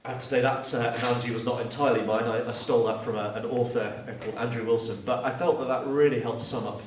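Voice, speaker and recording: With a medium-pitched, steady voice, a thirtysomething guest speaker from Surrey in southeast England talks fast in a Southern English accent. He delivers a sincere, reflective testimony, often restarting his sentences. The distant recording has heavy reverb and slight background noise.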